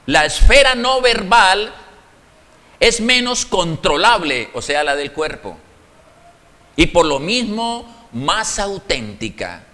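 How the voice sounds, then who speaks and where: A male preacher, his voice high and sharp-edged, delivering a sermon at an unhurried pace. He acts out small dialogues, swinging his tone up and down as he plays them out. The sound rings with long reverb, as in a large hall. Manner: animated, acts out little dialogues with shifting tones.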